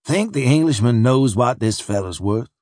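A man voicing a courteous, calculating slave buyer who drawls slowly and politely. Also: medium pitch, lively intonation, a little mellow, dry recording, clean studio sound, lightly acted.

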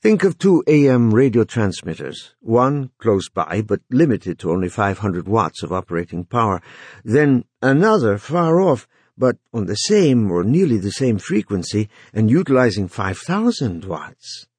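A man's voice: on the low side, very animated, a little slow, darkish tone, breathy edge, no room sound, exaggerated voice. A man voicing a stilted, formal mortuary owner who explains things in a placating manner. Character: stilted male mortuary owner, smooth, bureaucratic.

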